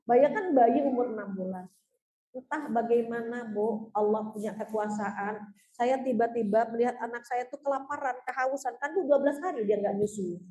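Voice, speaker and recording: An earnest woman religious teacher telling personal stories and turning often to her listeners, her voice fairly high yet mellow and warm. She sounds roomy and echoey, as if recorded in a hall. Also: moderate pace. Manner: storytelling, keeps addressing listeners as "Bu"; earnest, heartfelt. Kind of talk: religious talk answering audience questions.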